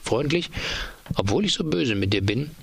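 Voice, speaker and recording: A man's voice: mid-range voice, expressive, moderate pace, creaky, breathy edge, no room sound, voice pushed up. A man voicing a fussy woman reading out her indignant, sentimental complaint letter about dogs.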